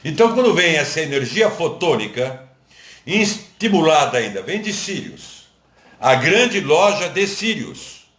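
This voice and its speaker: A man's voice: fairly high pitch, big pitch swings, unhurried, a bit bright, roomy sound. A man with a Brazilian Portuguese accent giving a live lecture, teaching step by step, repeating points and checking whether listeners follow. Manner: didactic, repeats and asks the audience if they understood. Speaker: esoteric lecturer.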